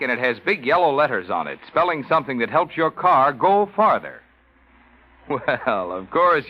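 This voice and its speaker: A man reading a scripted commercial as a radio announcer, in a smooth, persuasive manner. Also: medium pitch. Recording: dull 1940s radio recording.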